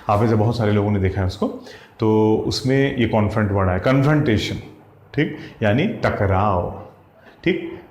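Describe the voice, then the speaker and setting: A man's voice: medium pitch, a little mellow, a little hiss or hum. A man teaching exam vocabulary, who spells out words letter by letter and keeps checking in with his students. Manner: addresses students as "साथियों" and "भैया". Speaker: English teacher. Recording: echoey room with faint ambience.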